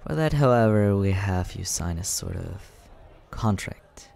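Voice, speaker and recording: In a full, expressive character voice, a man plays the vampire Scaramouche for a soft ASMR roleplay aimed at the listener. His tone is low, creaky, and soft; his mood relaxed and explanatory; his delivery smooth, teasing, and never rushed.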